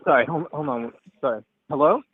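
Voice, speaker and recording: A man in his twenties calling in over a Bluetooth phone link while driving, sounding far from the mic and talking haltingly with many stammered restarts. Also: fairly high pitch, breathy edge, no echo. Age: 20s. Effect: phone call over car Bluetooth, sounding far from the mic. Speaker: caller. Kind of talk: call-in chat. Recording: tinny phone line with faint noise.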